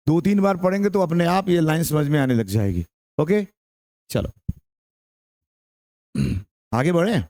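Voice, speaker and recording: With a slightly high, darkish voice, a male teacher carrying a Bihari Hindi accent lectures as if in a classroom. He has students practice pronunciation through repeated words, blends in English terms, and asks whether they followed.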